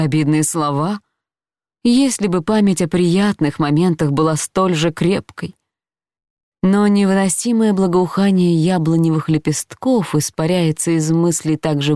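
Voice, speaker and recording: A woman narrating a first-person novel in a measured, reflective reading voice, close to the mic. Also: low-pitched, dark tone, no room sound. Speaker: audiobook narrator.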